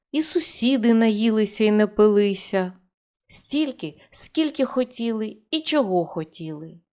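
A woman narrates a folk fairy tale in a measured, expressive storybook style. Her voice sits at a typical middle pitch for a woman. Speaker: storyteller reading fairy tales. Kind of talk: storybook reading.

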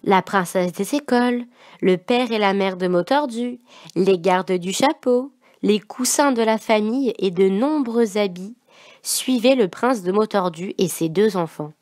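A woman, a children's bookseller, reading a picture book aloud for young children in an expressive, lively way. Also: mid-range voice, a little slow, dry recording, studio quality.

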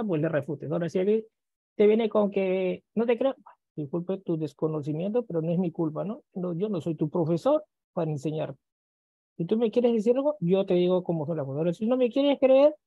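A man's voice: sits high, mellow, husky, no room sound, highs cut off. A male computer teacher in a screen-recorded lesson who keeps checking in with listeners and acts out students' questions, then answers them himself.

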